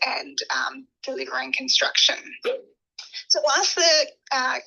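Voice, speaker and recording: A woman's voice: high voice, creaky, bright, forceful tone. A woman, heard over a phone on speakerphone, giving a formal prepared statement to a meeting as a government officer, reading steadily with frequent uh and um fillers. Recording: muffled phone audio through a room speaker.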